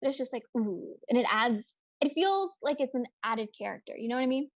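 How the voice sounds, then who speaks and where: A young woman with a high voice hosts a casual livestream from home. She chats in a bubbly, energetic way, reads viewer comments aloud and answers them as they come in. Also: fairly quick. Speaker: livestream host.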